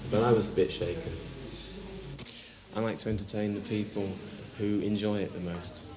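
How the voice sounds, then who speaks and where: A man, a street performer interviewed for TV, talking calmly and hesitantly with many pauses. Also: lowish voice, crowd noise. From France, raised in England. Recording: roomy echo, distant mic.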